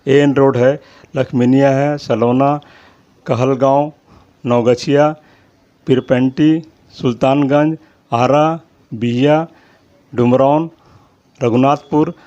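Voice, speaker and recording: A man reads out long lists of names at a steady, deliberate pace, the way a host of his own channel does. His voice sits at an ordinary mid pitch, and he sounds apologetic about his pronunciation. The recording is a little dull and lo-fi. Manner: steady list-reading. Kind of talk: reading out a list of names. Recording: slightly dull lo-fi audio.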